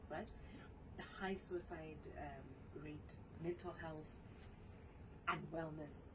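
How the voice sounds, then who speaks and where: A woman's voice: low-pitched, fairly even intonation, takes it slowly. A woman hosting a radio interview in a chatty way, often echoing her guest's words. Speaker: radio show host. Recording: distant mic with background noise.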